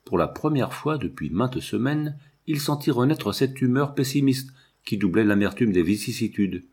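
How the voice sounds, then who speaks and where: A man narrating a novel as an audiobook reading, in a measured literary way. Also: medium pitch, lively intonation, darkish tone, husky.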